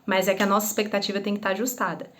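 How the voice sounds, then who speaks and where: A woman's voice: medium pitch, little pitch movement, racing, fairly bright tone. Woman giving casual parenting advice. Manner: explains with rhetorical questions and acted-out examples. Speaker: parenting educator; former schoolteacher. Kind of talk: casual advice talk to camera.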